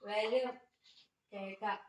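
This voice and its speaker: A woman on a video call, answering in short, lively replies over a speakerphone. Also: medium pitch, very slow, slight background noise. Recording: echoey speakerphone from a phone.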